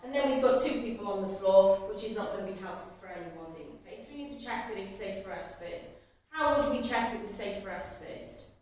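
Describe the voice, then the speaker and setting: A woman's voice: medium pitch, lively intonation, brisk, hardly any pauses, darkish tone. A woman teaching a practical first aid class, putting questions to learners in an instructional manner. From Cardiff, Wales. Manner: instructional, repeats learners' answers back. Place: echoey indoor training room. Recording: very echoey room, distant mic, faint noise.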